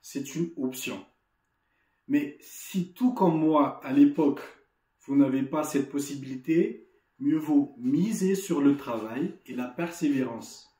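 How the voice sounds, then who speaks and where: A Malagasy-accented man speaks slowly and earnestly, urging students on, his voice a touch higher than most men's yet warm and mellow. He often stumbles and repeats words, and the sound comes over a video call from an echoey room. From Madagascar. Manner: earnest, encouraging, with frequent restarts and repeated words. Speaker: association delegate giving an opening lesson. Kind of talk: motivational speech to students.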